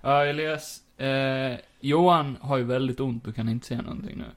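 Brief: man game master, mid-pitched, easygoing narrator of an improvised role-play. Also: very noisy. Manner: relaxed, matter-of-fact narration with laughs.

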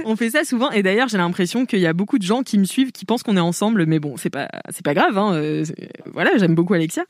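A woman's voice: mid-range voice, quick pace, hardly any pauses, dry recording, clean studio sound. A woman in her forties co-hosting a podcast, telling stories in slangy casual chat and laughing often. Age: 40s. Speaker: podcast co-host.

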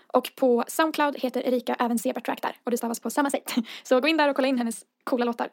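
A woman's voice: high-pitched, fairly even intonation, a little mellow. A woman in her twenties telling a personal story in a chatty way, full of fillers and acted-out dialogue. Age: 20s. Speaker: podcast co-host. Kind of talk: casual storytelling.

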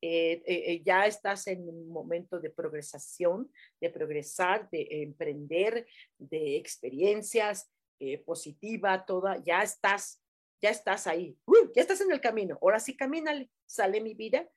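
Speaking a little slowly in a fairly low pitch, a Mexican-accented woman runs a live stream where she reads out viewers' comments. Her replies are casual spiritual angel messages: warm, chatty, meandering, packed with fillers and terms of endearment.

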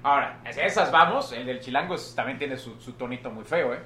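A man's voice: medium pitch, brisk, pushed and bright. A Mexican man hosting a casual podcast chat, joking and slangy, often repeating words as he starts a thought. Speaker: podcast host. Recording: echoey room with faint noise.

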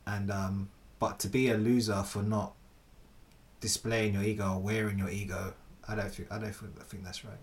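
A man's voice: fairly low pitch, little pitch movement, normal speed. A man in a casual philosophical chat, thinking aloud with hesitant restarts.

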